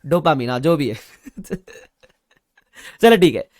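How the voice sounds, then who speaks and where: A young man teaching a live class, telling a playful story and acting out loud bits of dialogue. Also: on the high side, lively intonation, slow, no echo, clean studio sound. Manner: playful storytelling, acts out shopkeeper dialogue loudly. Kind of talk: live online class lecture.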